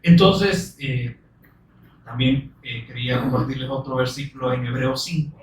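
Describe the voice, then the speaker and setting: A man preaching a sermon earnestly, asking many rhetorical questions and quoting scripture slowly and with emphasis. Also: medium pitch, steady tone, a little hiss or hum. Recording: roomy echo, distant mic.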